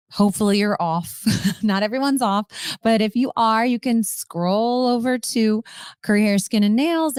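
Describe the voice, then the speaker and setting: A woman's voice: mid-range voice, darkish tone, dry recording, clean studio sound. A woman hosting a podcast in a casual, upbeat, chatty way, enthusing about products. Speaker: podcast host. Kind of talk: casual chat.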